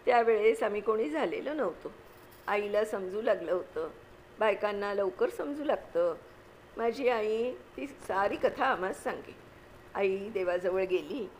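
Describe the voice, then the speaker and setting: A woman's voice: medium pitch, a little hiss or hum, poor audio. Woman narrating a classic novel aloud. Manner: measured, expressive storytelling.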